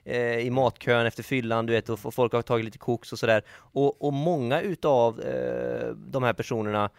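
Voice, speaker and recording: A man's voice: medium pitch, gravelly, no room sound, studio quality. Hesitant young male podcaster. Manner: hesitant, full of fillers and restarts. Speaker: podcast host. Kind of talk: casual podcast chat.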